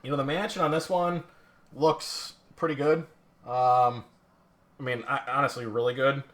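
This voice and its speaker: A man of medium pitch speaks at a moderate pace with fairly even intonation and a fairly bright tone. He is a pinball restorer streaming a teardown and showing the playfield up close, chatting in a rambling, self-deprecating way full of fillers and restarts.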